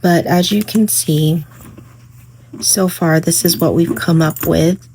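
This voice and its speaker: A woman vlogging casually about her planner from home, her voice hoarse in the morning, rambling with many fillers. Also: fairly low pitch, steady tone, slow, mellow, slight background noise. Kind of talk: casual crafting vlog. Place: home, indoors.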